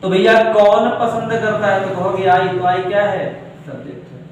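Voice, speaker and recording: A man teaching English grammar in a classroom lesson, slowly repeating phrases word by word and mixing English into his explanations. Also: high voice. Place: classroom with a board. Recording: echoey room, mic far off, faint noise.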